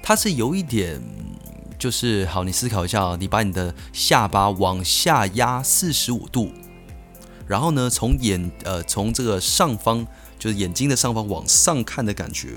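Young guy, lowish voice, chatty podcast storytelling, faint music under it. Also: normal speed. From Taiwan. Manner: animated, frequent restarts and self-answered asides. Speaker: podcast host.

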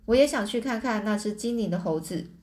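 A woman voicing a calm, reassuring farm father in a storybook reading, in her own plain voice. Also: medium pitch, brisk, lightly acted.

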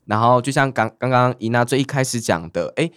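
A man's voice: mid-range voice, animated, fast, fairly bright tone, no echo, clean studio sound. A man co-hosting a panel, chatting casually and thinking aloud with frequent fillers.

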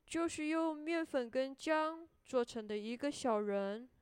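A woman voicing a cheerful grandmother in a children's story, warm and encouraging. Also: sits high, a little slow, no echo, studio quality.

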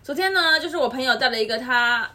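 A woman from Taiwan, hosting a podcast and telling a rambling, animated story with many restarts. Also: high-pitched, quick pace. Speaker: podcast host. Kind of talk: casual chat, storytelling.

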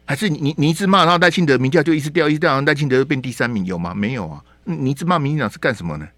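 一位带台湾口音的男电台主持人，语气激动地评论时事，常连声反问、重复字句。. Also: male voice, mid-range voice, animated, very fast, a bit bright, no echo. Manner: heated, rhetorical questions, repeats words. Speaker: radio talk show host. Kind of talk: opinionated political commentary. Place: radio studio.

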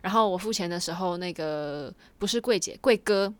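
A woman's voice: fairly low pitch, moderate pace, clear, resonant tone. A woman talking casually to her viewers in a rambling, chatty way, with small laughs along the way. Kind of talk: casual storytelling vlog.

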